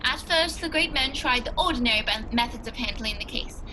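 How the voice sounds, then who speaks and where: A woman's voice: on the high side, a little fast, background noise, lightly acted. A woman playing a genial old English doctor who tells a mystery tale in an earnest, old-fashioned 1940s radio style. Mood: grave storytelling.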